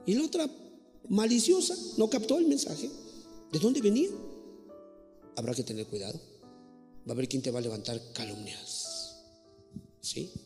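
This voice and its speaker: A man preaching a sermon, animated, acting out quarrels in a shrill voice. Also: normal speed, pauses often. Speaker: pastor. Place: church hall. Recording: echoey hall with faint music.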